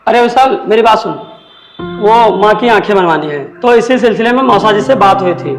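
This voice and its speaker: A man's voice: sits high, echoey room, soft background music, poor audio. A man playing a busy, dismissive husband who is focused on his work. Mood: instructing. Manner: dismissive, hurried.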